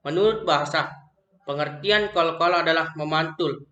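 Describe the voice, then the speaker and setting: A young man with an Indonesian accent works through a recitation lesson, reading slowly from his notes and often stumbling and restarting words. His voice is bright and a little high. The room around him rings with echo. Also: muffled recording. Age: young adult. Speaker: student presenting an assignment. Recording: echoey room.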